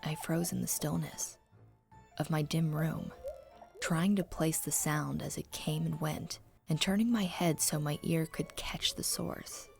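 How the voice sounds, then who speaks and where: A woman narrating a scary story in the first person with a low, husky, breathy voice and a hushed, haunting delivery. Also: a little slow, faint music behind.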